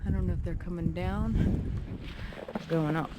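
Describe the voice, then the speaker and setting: A woman's voice: fairly low pitch, fairly even intonation, normal speed. Woman trudging through snow, noisy outdoor recording. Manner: rambling, talks to her dog and viewers. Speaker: solo hiker vlogger. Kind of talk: casual chat while hiking. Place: outdoors on a snowy trail.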